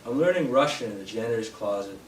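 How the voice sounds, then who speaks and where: A young man from Canada giving a live poetry reading in a bookshop, hesitant with fillers between poems and steady in his verse. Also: lowish voice, fast. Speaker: poet. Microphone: distant from the mic. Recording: roomy, distant, noisy live room sound.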